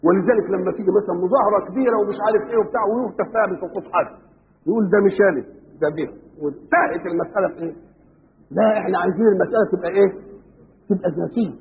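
A man's voice: high voice, very fast. A man with an Egyptian Arabic accent preaching a sermon that explains scripture. He keeps asking his listeners rhetorical fill-in questions. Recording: old radio broadcast, tinny band, hall reverb, faint hiss.

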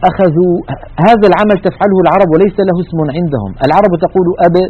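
A man's voice: high-pitched, very fast, husky, lo-fi sound. A man teaching Quranic recitation in a methodical lecture, explaining slides with spoken examples. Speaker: tajweed teacher.

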